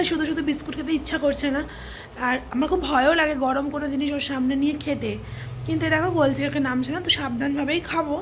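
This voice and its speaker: A woman's voice: high voice, slight background noise. A young woman, a new mother, chatting casually to viewers in a home vlog, talking directly to the camera. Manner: drops to a hushed voice while baby sleeps. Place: family home by a river.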